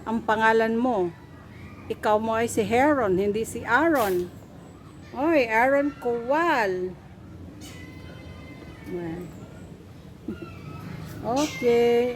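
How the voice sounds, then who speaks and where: A woman vlogger gives a casual tour of an outdoor resort and stops to greet the animals. Her voice sits a little high and she talks slowly and unhurriedly. The phone recording has a lot of background noise. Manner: chatty, talks to the animals, mixes in English. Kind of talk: casual walking vlog.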